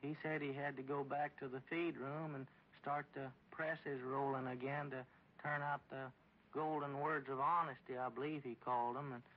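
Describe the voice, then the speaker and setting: Heard on a muffled old radio recording, a man with a natural mid-range voice speaks at a moderate pace in a level tone. He's an actor in a 1940s radio comedy, cast as a meek, dutiful, simple small-town fellow with a rural Southern accent. He reports earnestly, hesitantly, literally and deferentially.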